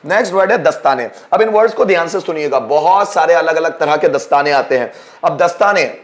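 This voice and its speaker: A man teaching English vocabulary who explains slowly, repeats each word and asks and answers his own questions. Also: on the high side, echoey room. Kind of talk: vocabulary lesson.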